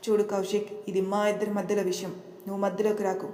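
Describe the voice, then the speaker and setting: A woman voicing a harsh, jealous elder sister who threatens and shouts in an audio story. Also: mid-range voice, flat delivery, quick pace, close to an everyday voice. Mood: furious. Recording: roomy echo.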